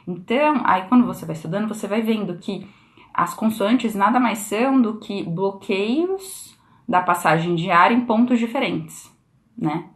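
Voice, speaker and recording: A woman's voice: mid-range voice, animated, measured pace. A woman from Brazil giving a casual live lesson on English pronunciation, explaining in a chatty way with frequent question tags, recorded on a phone indoors. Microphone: phone camera on a live stream.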